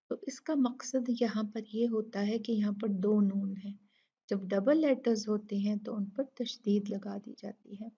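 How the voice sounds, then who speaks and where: Slow, patient woman teaching recitation. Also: mid-range voice, dark tone, dull audio. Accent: Urdu-speaking. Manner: slow, patient explaining, drawn-out recitation of words. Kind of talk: tajweed lesson.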